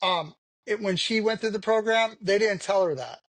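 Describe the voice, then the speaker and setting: A podcast guest speaks frankly in a candid conversational interview, rambling and leaning heavily on "you know." His voice is high, his speed normal, and the recording has no echo.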